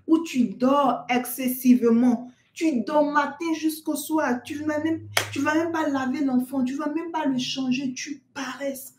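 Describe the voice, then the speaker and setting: A woman's voice: high voice, fairly even intonation, a little slow, few pauses, a little mellow, slight background noise. Earnest French-speaking woman in echoey room. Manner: earnest, addresses the listener as "tu" and "maman". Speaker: parenting vlogger. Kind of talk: direct-to-camera advice talk.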